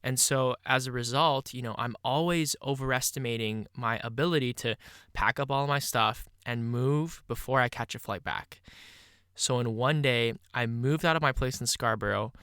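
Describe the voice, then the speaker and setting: A man's voice: mid-range voice, moderate pace, fairly bright tone, clean tone, no echo. Early-20s guy doing a solo podcast, kinda stuffy nose, dry close mic, chill rambling. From Canada. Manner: casual, reflective, many "you know" fillers. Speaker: podcast host.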